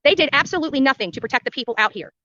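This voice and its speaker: Racing along in a high, animated, sharp voice, a woman reports live to viewers from the roadside in front of a house. She's an independent reporter hosting her own show, indignant and blunt, repeating phrases for emphasis. The recording is dry and lo-fi.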